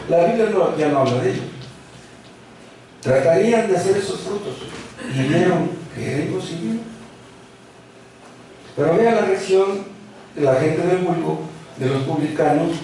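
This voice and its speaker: A male pastor preaches in a lively, swooping voice, pitched a little high for a man. He is picked up from some distance in a very roomy church, with faint ambience behind him. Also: gravelly, slight background noise. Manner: preaching with rhetorical questions and acted quotes. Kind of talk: sermon. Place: church hall.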